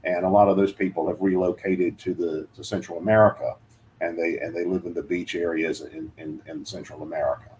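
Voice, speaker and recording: A man's voice: low voice, flat delivery, brisk, darkish tone, slight background noise. A man giving relocation advice in a casual chat, hesitant with many fillers and restarts. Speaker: guest, relocation adviser.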